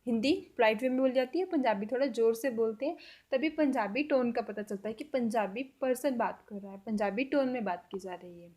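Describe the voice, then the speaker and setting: A woman giving a casual spoken language lesson, mixing English words into her explanations and repeating each example phrase slowly and deliberately. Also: a little high, a little mellow. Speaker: language teacher.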